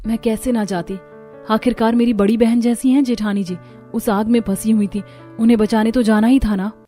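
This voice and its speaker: Higher-voiced woman voicing cartoon dialogue. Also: steady tone, normal speed, mellow, soft background music. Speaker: voice actor for several family characters.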